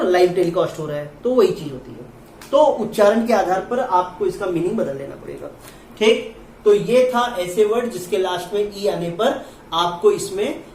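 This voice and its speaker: Slow-spoken man teaching in an echoey room. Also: high voice, far from the mic, a little hiss or hum. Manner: slow explaining, spelling words letter by letter. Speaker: English teacher. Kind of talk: classroom lesson. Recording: echoey room recorded from afar.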